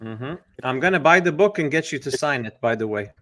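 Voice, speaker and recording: A man's voice: medium pitch, expressive, pushed and bright. Man hosting a casual podcast interview. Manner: asks short questions, quick acknowledgements. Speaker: podcast host.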